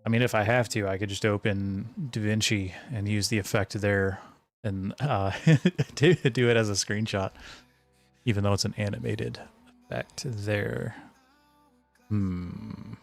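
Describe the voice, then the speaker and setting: With background music playing, a streamer who develops indie games talks casually while he works, musing hesitantly to himself. He speaks in a lowish, creaky voice with a steady tone and a measured pace.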